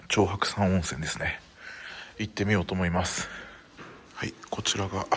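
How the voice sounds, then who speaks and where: A man's voice: on the low side, background noise. Chatty Japanese man vlogging on the road. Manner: chatty, talks to himself with frequent exclamations. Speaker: travel vlogger. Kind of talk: casual travel vlog narration. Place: hotel and hot spring resort, indoors and outdoors.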